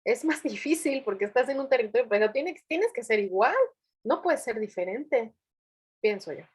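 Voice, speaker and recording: Animated woman psychologist telling stories. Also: fairly high pitch, normal speed, husky. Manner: animated storytelling, acting out quoted voices. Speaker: forensic psychologist in family court. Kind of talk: panel discussion over video call. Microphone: video call.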